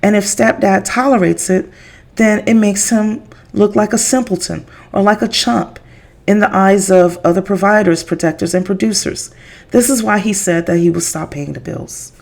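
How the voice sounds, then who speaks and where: A woman's voice: medium pitch, moderate pace, creaky, a little mellow. A woman vlogger giving blunt, emphatic opinion commentary on a viral video. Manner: emphatic, direct, lecturing.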